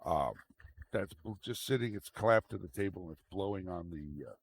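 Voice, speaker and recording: Gravelly low-voiced man rambling through a demo. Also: expressive, moderate pace. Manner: rambling, repeats himself. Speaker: tech video host. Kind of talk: casual unscripted screen demonstration. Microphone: microphone into computer audio mixer. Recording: very noisy microphone with fan noise. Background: fan running.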